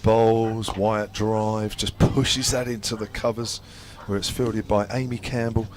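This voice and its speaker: A man giving ball-by-ball cricket commentary from a commentary box at a quiet ground, calling each delivery in steady detail. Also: lowish voice, measured pace. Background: aircraft noise overhead.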